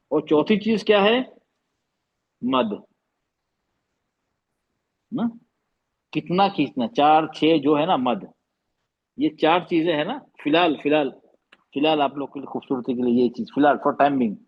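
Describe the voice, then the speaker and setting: A man's voice: a little high, dull audio. A man teaching Quran recitation over a video call, explaining patiently, repeating terms and demonstrating the sounds. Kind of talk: online class lesson.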